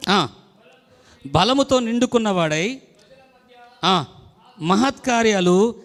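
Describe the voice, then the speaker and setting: A man's voice: high-pitched, lively intonation, takes it slowly, big-room sound. A middle-aged male pastor giving a fervent testimony sermon, with many restarts. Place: church hall.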